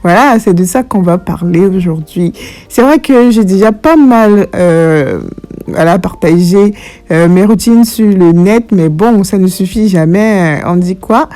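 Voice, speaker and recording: A woman's voice: mid-range voice, unhurried, dark tone. A woman narrating a casual hair care tutorial, speaking informally and directly to her viewers. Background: faint background music.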